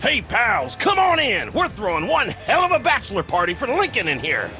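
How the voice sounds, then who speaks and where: An excitable, daffy gumshoe from a video game. His voice is high and very sharp, swooping widely over music. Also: moderate pace, full character voice. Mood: cheery, oblivious. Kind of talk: video game character acting. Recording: music behind the voice.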